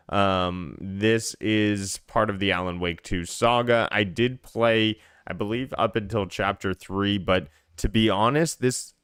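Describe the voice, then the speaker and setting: A man's voice: lowish voice, fairly bright tone, smooth. A man co-hosting a casual gaming podcast, chatty and self-deprecating, rambling with fillers. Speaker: podcast co-host.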